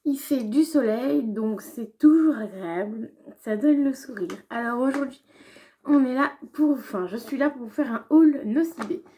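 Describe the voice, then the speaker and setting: A woman's voice: on the high side, normal speed, warm tone, slight background noise. Chatty young French woman vlogger. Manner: chatty, many fillers and restarts. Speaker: beauty vlogger. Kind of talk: casual haul vlog.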